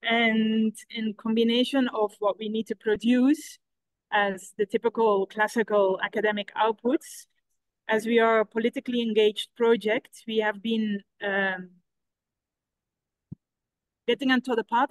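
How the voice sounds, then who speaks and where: A middle-aged woman from Belgium, a researcher explaining her project at an online conference in a measured way with some restarts. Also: on the high side, no room sound, poor audio. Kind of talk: conference talk over a video call. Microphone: video call.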